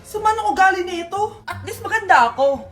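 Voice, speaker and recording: A woman's voice: extremely high pitch, lively intonation, fairly quick. A woman playing a rich, snobbish schoolgirl who mocks classmates in a comedy skit, over background music. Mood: haughty. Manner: haughty, mocking. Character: rich, snobbish teen girl bully.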